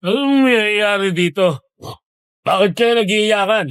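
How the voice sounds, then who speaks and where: A woman's voice: medium pitch, measured pace, clear, resonant tone, dry recording, close to an everyday voice. A woman voicing a bewildered, impatient young man who gives urgent orders in a horror story. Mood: shocked, confused. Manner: urgent, commanding.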